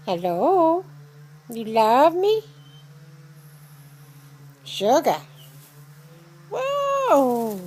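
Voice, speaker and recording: A woman talking baby talk to her pet bird, cooing and playful. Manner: high, sing-song cooing, lively pitch swings.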